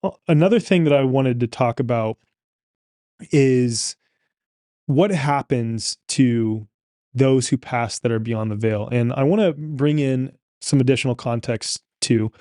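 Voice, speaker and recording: A man's voice: medium pitch, a little slow, dark tone, no room sound, clean studio sound. A man hosting a podcast interview, explaining his ideas in a reflective, expansive way. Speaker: podcast host. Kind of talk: conversational interview.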